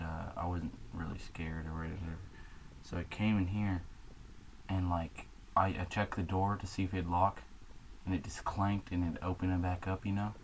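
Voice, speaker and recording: Low flat-voiced man telling a story. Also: noisy background. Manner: halting, many fillers. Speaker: homeowner recounting a ghost experience. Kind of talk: casual storytelling.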